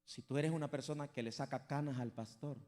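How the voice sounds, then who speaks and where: Spanish-speaking pastor preaching in a reverberant hall. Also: male voice, mid-range voice, fairly even intonation, a little fast, a little mellow. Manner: conversational preaching with asides to the congregation. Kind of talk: sermon.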